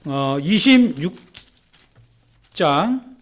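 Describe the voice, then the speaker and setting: A male pastor delivering a Sunday sermon in an animated, conversational way, at times dropping to a soft near-whisper. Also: a little high, extremely slow. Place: church sanctuary.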